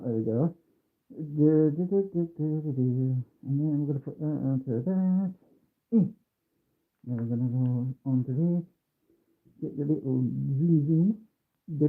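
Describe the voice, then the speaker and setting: A man livestreaming while building a kit, his voice muffled as though through a mask or a wall, mumbling and humming to himself. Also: fairly high pitch. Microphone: phone mic. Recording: tinny muffled phone audio.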